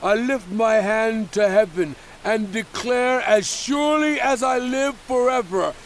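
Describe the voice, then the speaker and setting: An actor playing Moses as a solemn prophet in a dramatized scripture reading, declaiming in deliberate phrases. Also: male voice, extremely high pitch, creaky, slight background noise, heavily acted. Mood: commanding, triumphant.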